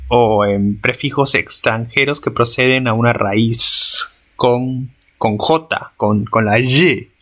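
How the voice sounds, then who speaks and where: Man reading grammar notes at an unhurried pace, stumbling and repeating words. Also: medium pitch, a bit bright. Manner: hesitant, repeats and corrects himself. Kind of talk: reading a grammar text aloud.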